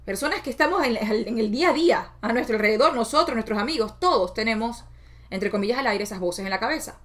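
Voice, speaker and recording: Expressive woman talking. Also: fast talker. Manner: expressive, acts out inner voices with shifts of pitch. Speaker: self-help speaker. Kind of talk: casual motivational talk.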